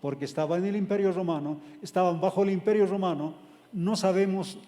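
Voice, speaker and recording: A man's voice: high voice, quick pace, dark tone, big-room sound. A man preaching a sermon, who retells a scripture story step by step and then explains it.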